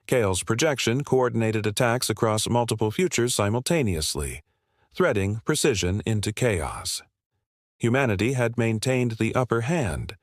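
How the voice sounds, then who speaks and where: Deep-ish guy reading a space war story, steady and dramatic. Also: dry recording, clean studio sound. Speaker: narrator. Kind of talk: scripted sci-fi narration.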